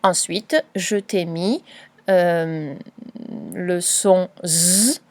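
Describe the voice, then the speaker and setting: A woman teacher giving a patient, clearly spoken dictation lesson to a young pupil, spelling out letters and sounds. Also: mid-range voice, lively intonation, unhurried, no echo. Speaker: primary school teacher.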